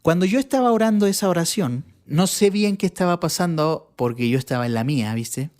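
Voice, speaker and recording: A man's voice: fairly high pitch, lively intonation, fairly quick, darkish tone. Earnest man telling his story. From Chile. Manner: earnest, reflective storytelling with frequent restarts. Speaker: podcast guest. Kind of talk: personal testimony in casual conversation.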